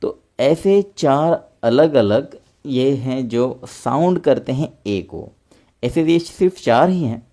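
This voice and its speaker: A man's voice: mid-range voice, expressive, takes it slowly, dark tone. A young man patiently explaining English pronunciation step by step, speaking as a teacher in a lesson.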